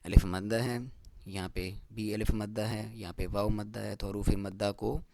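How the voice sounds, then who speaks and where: Man, recitation teacher, lower voice, clear step-by-step explanations, dry close recording. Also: little pitch movement, warm tone, no room sound. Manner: explains rules plainly, then recites verses slowly in a raised voice. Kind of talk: step-by-step tajweed lesson.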